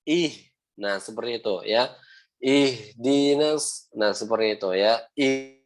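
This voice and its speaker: A young adult man teaching Quran recitation, patiently repeating sounds slowly and ending phrases with "ya". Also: lowish voice. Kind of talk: online class instruction with recitation examples.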